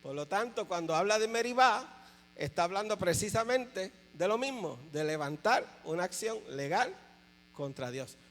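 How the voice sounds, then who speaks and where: Preacher teaching in a reverberant hall. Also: male voice, high-pitched, lively intonation, a bit bright, faint music behind. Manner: explains slowly, stresses key words, keeps checking in with 'ok?'. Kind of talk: church teaching talk. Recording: long hall reverb with faint mains hum.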